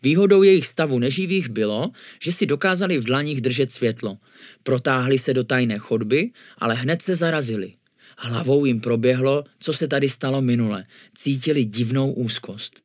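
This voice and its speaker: Man calmly narrating a spooky storybook. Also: medium pitch, no room sound, clean studio sound.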